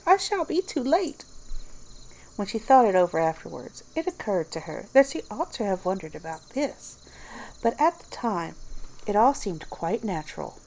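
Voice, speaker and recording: A woman narrates a storybook in a whispered ASMR style. Her tone is soft and dark at a middling pitch, with faint ambient noise behind her. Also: poor audio. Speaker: storybook reader.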